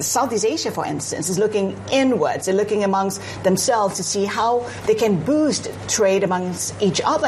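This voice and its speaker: A woman from Singapore speaking as a news analyst in a panel discussion, measured and explanatory, often adding "I mean". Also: medium pitch, darkish tone, slight background noise. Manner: measured, frequent "I mean" asides.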